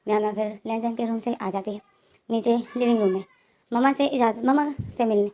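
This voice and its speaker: Woman, casual story retelling, rambling with fillers, higher pitch, mellow tone. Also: steady tone, fast. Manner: rambling, with many "to phir" links and "uh" fillers.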